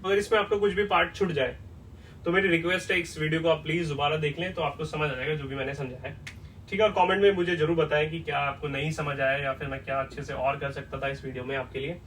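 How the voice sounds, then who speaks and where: A man teaching an English lesson at a whiteboard, explaining step by step and often checking whether it is clear. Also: a little high, steady tone, quick pace, fairly bright tone, recorded from a distance, slight background noise, low-quality recording.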